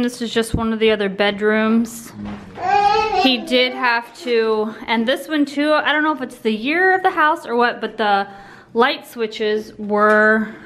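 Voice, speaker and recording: A young adult woman with a slightly high voice vlogs a home tour on a handheld phone camera, wandering the empty indoor rooms of a house under renovation. Her narration is relaxed and rambling, full of restarts, and the audio is very noisy.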